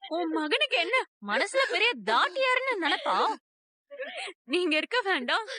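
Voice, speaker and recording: A woman's voice: very high-pitched, sing-song, moderate pace, sharp tone, no room sound, heavily acted. A reproachful family woman. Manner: reproachful, pleading. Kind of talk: dubbed TV serial dialogue.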